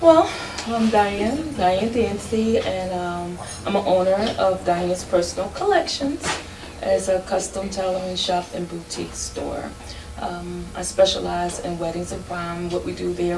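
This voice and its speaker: A woman guest with a fairly low voice explains her work in a friendly way. She is recorded from a distance in a roomy space, with music playing clearly behind her. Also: fairly even intonation, measured pace. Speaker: guest, boutique owner. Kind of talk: interview.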